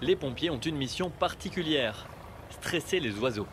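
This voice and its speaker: A man's voice: a little high, lively intonation, moderate pace, noisy background. A man reading scripted narration for a television news magazine report as its reporter. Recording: voice-over with music and outdoor sounds. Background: music, airport ambience, vehicles.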